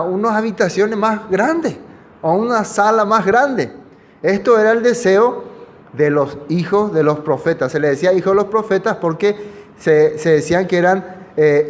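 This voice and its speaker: Male preacher, high voice, informal Bible teaching, chatty and checking in with the room, long hall reverb. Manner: conversational, asks the listeners for agreement.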